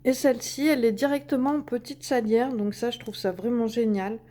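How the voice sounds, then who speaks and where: A woman's voice: on the high side, fairly even intonation, brisk, dark tone. A woman casually demonstrating craft supplies, chatting with many fillers and little sounds as she works. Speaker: craft video host.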